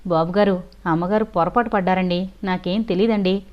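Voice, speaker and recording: A woman's voice: lowish voice, steady tone, normal speed, close to an everyday voice. A loyal manservant pleading through tears , as a woman reads him. The voice begs humbly, on a muffled, lo-fi recording. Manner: pleading, tearful. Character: loyal pleading male servant. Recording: dull lo-fi recording.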